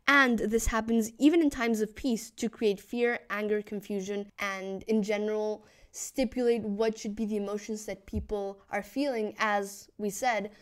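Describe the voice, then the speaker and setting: A woman hosting a podcast, explaining a topic in a steady, scripted way. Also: medium pitch. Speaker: podcast host.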